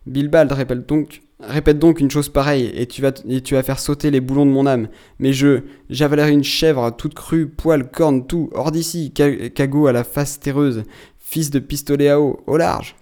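A man's voice: medium pitch, flat delivery, normal speed, dark tone, natural voice. A man voicing a hot-tempered old sea captain who blusters and roars when angered. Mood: raging.

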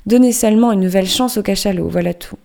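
A garrulous male ship's doctor, as a woman reads him in a storybook reading. He lectures with a knowing, anecdotal air. The tone is soft and mellow. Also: mid-range voice, fast, gravelly, close to an everyday voice. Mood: chatty.

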